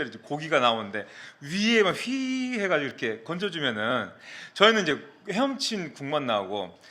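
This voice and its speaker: Animated, bright-voiced male pastor. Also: a little high. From South Korea, Mokpo area. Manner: animated storyteller who acts out quotes. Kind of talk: sermon with personal storytelling.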